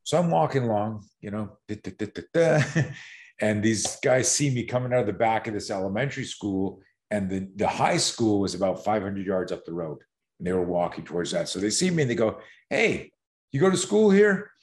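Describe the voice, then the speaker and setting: A man's voice: fairly low pitch, fairly quick, a little mellow. A middle-aged man telling a story as a podcast guest, acting out voices and sounds and laughing often. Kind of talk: animated storytelling in a podcast interview.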